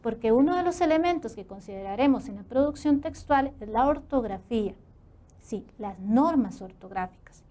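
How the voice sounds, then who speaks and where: A woman's voice: a little high, lively intonation, normal speed. A woman with a Costa Rican accent teaching a televised Spanish lesson, asking her students rhetorical questions as she goes. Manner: asks students rhetorical questions, warm classroom tone.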